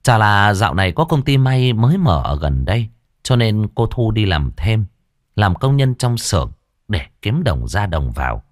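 A man narrating a spoken story in a measured, expressive way. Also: on the low side, dry recording, studio quality.

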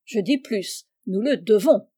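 A woman's voice: mid-range voice, lively intonation, measured pace, mellow, breathy edge. A woman voicing a spirited teenage girl who speaks with bold emphasis, read aloud from a storybook. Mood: rousing.

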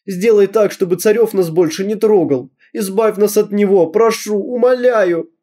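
A man voicing a tearful teenage schoolgirl who pleads desperately in a high, strained voice. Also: animated, moderate pace, dark tone. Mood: sobbing prayer.

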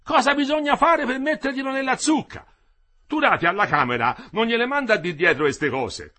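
A man's voice: very high-pitched, lively intonation, moderate pace, pushed and bright, voice pushed up, heavily acted. A man reading the part of an old bricklayer who grumbles indignantly and fires off questions. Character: old grumbling Florentine bricklayer, moderate socialist.

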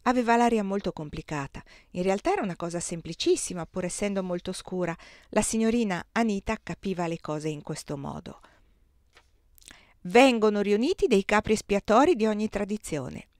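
Female audiobook reader, measured and expressive, mid-pitched, dry close sound. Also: dry recording. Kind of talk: literary audiobook reading.

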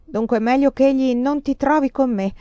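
A woman's voice: high voice, a little fast, dark tone, no room sound, pitched above the performer's own voice, natural voice. A woman voicing a menacing, scheming man who talks in cold, insistent threats in a literary reading. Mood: coldly menacing. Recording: dull lo-fi dry sound.

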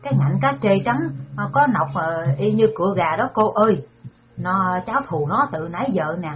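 Brief: woman playing a boastful young fisher boy, chatty and hesitant, plain middle pitch. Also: lively intonation, moderate pace, close to an everyday voice. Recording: muffled with music behind.

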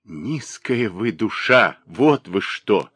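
A man's voice: on the low side, lively intonation, slow, fairly bright tone, slightly rough, no echo, exaggerated voice. A man voicing a hurt and indignant young servant girl in an audiobook. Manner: pained, indignant.

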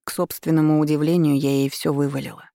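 A woman narrating a first-person audiobook in a steady, measured way. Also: low voice, gravelly, no echo, studio quality.

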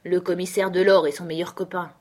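A woman's voice: fairly low pitch, level tone, a little fast, a little mellow, lightly acted. A woman reading aloud, voicing a chatty, knowing man who passes on gossip. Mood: confiding. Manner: confiding and chatty.

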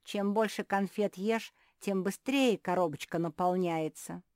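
A woman's voice: medium pitch, measured pace, darkish tone, dry recording, studio quality, voice pushed up, lightly acted. A woman voicing a tiny, kind male gnome who is eager to help. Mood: friendly.

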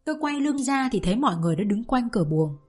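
A woman's voice: fairly high pitch, fast talker, husky, soft background music. Woman reading a novel with feeling. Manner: emotional, expressive storytelling. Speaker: audiobook narrator.

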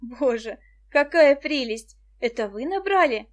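A woman reading the part of a friendly, gentle adult woman in an audiobook. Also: sits high, lively intonation, a little slow. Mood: welcoming. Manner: welcoming, gentle.

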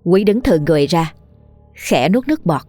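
A woman narrating a horror story in a steady, measured reading. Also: fairly low pitch, no room sound, faint music behind.

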